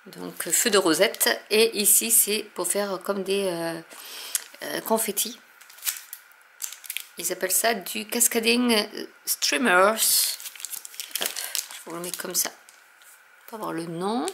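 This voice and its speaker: Woman host, casual unboxing chat, mid-pitched voice, faint background hiss. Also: a bit bright. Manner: chatty, many fillers, explains while showing products. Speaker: crafting channel host.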